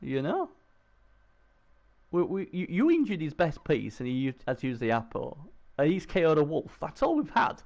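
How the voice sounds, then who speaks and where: A man giving casual, excitable commentary on a video game match, often repeating himself. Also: a little high, normal speed, gravelly.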